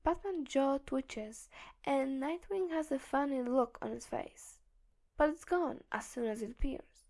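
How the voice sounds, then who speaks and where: A woman narrating a fan audiobook in a steady, measured storytelling manner. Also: high voice.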